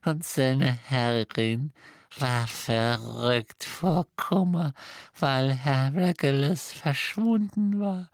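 A woman voicing a guilt-ridden, servile old male house-elf who speaks slowly and in anguish, referring to himself in the third person. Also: extremely low pitch, darkish tone, no echo, exaggerated voice. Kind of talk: audiobook character voicing.

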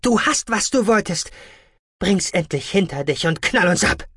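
A man's voice: high voice, animated, moderate pace, a bit bright, slightly rough, no echo, studio quality, voice pushed up, full character voice. A man reading an audiobook, voicing a proud, scornful female captive who speaks bitterly and defiantly. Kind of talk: audiobook character voice.

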